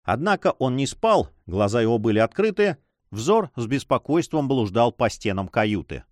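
A man narrating an audiobook story in an expressive storytelling manner. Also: mid-range voice, normal speed, dry recording, clean studio sound. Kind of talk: scripted narration.

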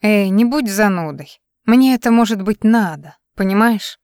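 A woman's voice: medium pitch, expressive, normal speed, a little mellow, no room sound, clean studio sound, close to an everyday voice. A woman reading an audiobook, voicing a drunk young female singer with slurred, wavering speech. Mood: tipsy, needling. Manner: slurred, wavering, swallowing letters.

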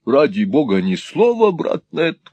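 A man voicing a flustered, kindly elderly gentleman in an audiobook, speaking high, excited and drawn out. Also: a little slow, breathy edge, no room sound, dull audio, full character voice. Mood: fussing urgent.

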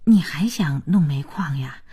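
A woman voicing a grateful, modest middle-aged wife, speaking softly. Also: deep voice, expressive, measured pace, slightly rough, heavily acted.

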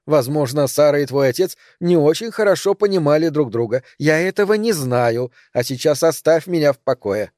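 A man reading an audiobook, voicing an older woman, a gruff grandmother who speaks curtly and irritably. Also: fairly high pitch, expressive, moderate pace, hardly any pauses, a little mellow, no room sound, clean studio sound, natural voice. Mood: exasperated. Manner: curt and irritable.

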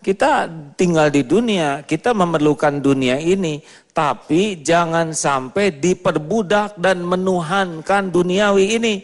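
A man's voice: high voice, a little slow. A man preaching a sermon to a live audience, asking them rhetorical questions as he goes. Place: large hall with an audience. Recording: long hall reverb.

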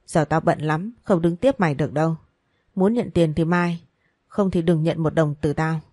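This is a stingy, harsh older man who runs a sewing workshop and barks short refusals, as a woman reading the story puts him on. The voice is low and mellow-toned, recorded dry and close. He talks in clipped, dismissive lines. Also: normal speed, no echo. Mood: harsh scolding. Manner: curt, scolding. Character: gruff older male factory boss, stingy and harsh.

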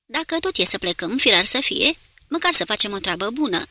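Woman reading a hoarse, gruff submarine officer. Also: medium pitch, sing-song, sharp tone.

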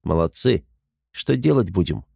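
A man's voice: low voice, big pitch swings, unhurried, vocal fry, darkish tone, husky, no echo, clean studio sound, heavily acted. A man playing a practical male warrior scout who speaks in terse, matter-of-fact sentences.

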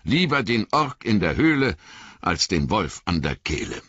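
A man's voice: lowish voice, very animated, a little slow, fairly bright tone, dry recording, dull audio, exaggerated voice. A man voicing a proud, bold male warrior who speaks bluntly and assertively.

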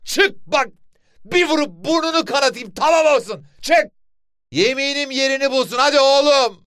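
Guy doing a high squeaky village dad, coaxing his kid out, dry close sound. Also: animated, normal speed, no room sound. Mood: pleading. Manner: pleading, wheedling, then shouting. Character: stubborn village father coaxing his hiding son.

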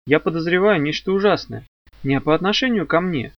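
A man's voice: a little high, brisk, no echo, muffled recording, voice pushed up, lightly acted. A man reading the lines of an evasive, worried young secretary in hesitant, guarded replies.

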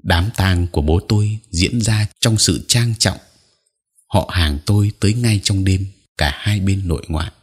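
A man narrating a sad audio story in a slow, sorrowful reading style. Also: low voice, husky.

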